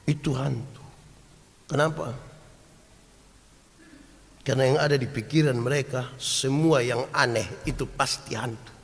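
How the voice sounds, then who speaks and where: A man preaching a sermon, animated and storytelling, swinging from loud acted quotes to hushed asides and asking the congregation questions. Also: medium pitch, moderate pace, few pauses. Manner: homely storytelling with humor and rhetorical questions. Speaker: pastor. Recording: long hall reverb.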